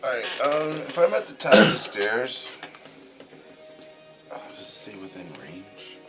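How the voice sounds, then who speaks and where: A man's voice: lowish voice, big pitch swings, a little slow. A man chatting casually as a player at a tabletop game. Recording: music clearly behind the voice.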